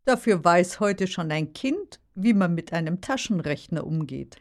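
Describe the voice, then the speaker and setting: A woman's voice: on the low side, animated, measured pace. Woman playing practical daughter in a lesson dialogue, dry and skeptical. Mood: dry, contradicting. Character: practical, skeptical grown daughter of a nostalgic father. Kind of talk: scripted language-lesson dialogue.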